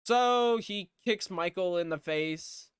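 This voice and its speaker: A man talks through a movie plot at an unhurried, slow pace, rambling loosely with plenty of uhs and casual swearing. His voice is smooth and clear, a bit higher than most men's. The sound is dry and close. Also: no echo. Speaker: movie reviewer.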